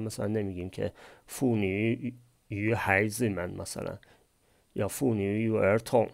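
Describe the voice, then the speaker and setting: Male language tutor, low and raspy, patient question-and-answer explaining. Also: a little mellow. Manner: asks and answers his own questions. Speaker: language teacher. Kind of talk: explaining a text line by line.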